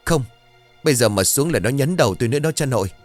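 A man voicing a terrified young fisherman who whimpers and talks in a high, frantic rush. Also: expressive, quick pace, faint music behind, lightly acted. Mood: frightened whimpering.

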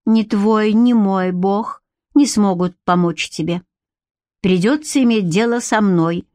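A woman's voice: mid-range voice, takes it slowly, a little mellow, dry recording, studio quality, lightly acted. A woman reading the part of a cold, cynical Viking warrior who curtly orders his captive about. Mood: cold commanding. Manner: curt, coolly commanding, cynical.

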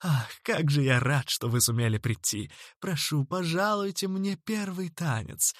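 A man's voice: fairly high pitch, a little slow, no room sound, clean studio sound, close to an everyday voice. A man voicing a fussy adult male suitor who purrs sweetly when courting and snaps when annoyed. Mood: flustered eager. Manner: syrupy, purring when wooing, snappish when annoyed.

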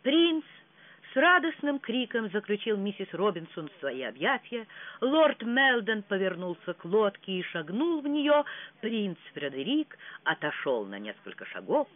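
An audiobook narrator reading a romance novel with dramatic, expressive delivery. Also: medium pitch, normal speed. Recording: tinny phone-like sound.

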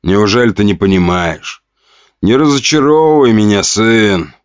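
A harsh, scornful noble father with a low, commanding voice, as a male narrator puts him on. The sound is dull and dry. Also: animated, unhurried, clear, resonant tone, no room sound. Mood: angry. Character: stern powerful male duke, a father scolding his son.

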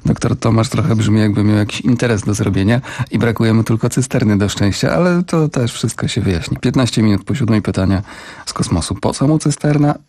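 A male morning radio host with a somewhat low, husky voice, announcing the schedule and running through headlines with chatty, wry asides. His studio sound is close and dry. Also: brisk, darkish tone, no echo. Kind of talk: casual radio presenting. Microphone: studio microphone.

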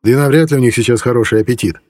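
A man voicing a calm young man who gently soothes his hot-tempered partner. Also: mid-range voice, rapid-fire, close to an everyday voice. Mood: soothing. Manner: gentle, placating. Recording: long reverb.

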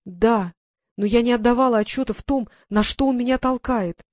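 A woman's voice: mid-range voice, brisk, darkish tone, no room sound, close to an everyday voice. A reader voicing a frightened, naive young English lady who pleads and holds back tears. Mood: tearful. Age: young adult. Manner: pleading, tearful.

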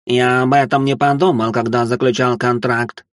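A man voicing a loud, strict talking cat that yowls and lectures in a formal way. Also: little pitch movement, normal speed, no echo, clean studio sound, close to an everyday voice. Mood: scolding. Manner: shrill yowling, lecturing.

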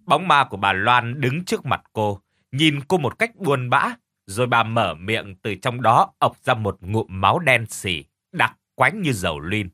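A man narrating a scripted horror story with dramatic, expressive delivery. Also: mid-range voice, measured pace, dry recording, clean studio sound. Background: faint music.

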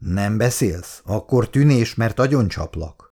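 A man reads a drunken, bullying husband and father. His words come out slow, heavy and slurred, breaking into rough, gravelly shouts. The voice swings widely in pitch. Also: lively intonation, exaggerated voice. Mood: menacing. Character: drunk, bitter middle-aged father, bullying.

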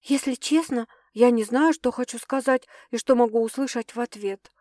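Woman voicing a dramatic, excitable young woman. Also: normal speed, no room sound, clean studio sound, lightly acted. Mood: hesitant. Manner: excitable, exclaiming, higher and louder than narration.

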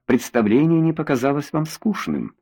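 Smooth-talking flattering lord in a storybook, guy reading him, lively pitch. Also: normal speed, exaggerated voice. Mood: glib. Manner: glib and flattering. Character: charming, ardent young nobleman.

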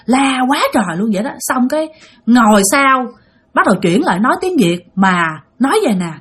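Southern vietnamese woman telling a ghost story, husky voice, bouncy and expressive, chatting right at the listeners. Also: fairly high pitch, fairly quick. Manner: animated, chatty, addresses listeners directly. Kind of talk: spoken ghost-story narration.

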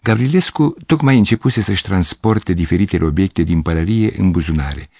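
A man narrating a literary short story in an audiobook, in a measured, steady way. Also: deep voice, husky, no room sound.

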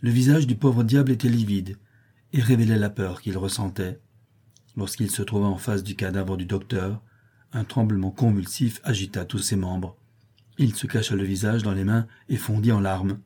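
A man reading a classic novel aloud as an audiobook narrator, in a steady, measured way. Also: on the low side, breathy edge.

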